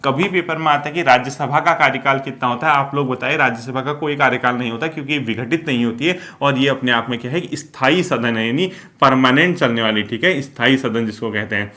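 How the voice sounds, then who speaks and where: A man's voice: mid-range voice, bright, forceful tone. Man teaching a classroom lecture. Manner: explains slowly, repeats key terms, checks with "ठीक है?".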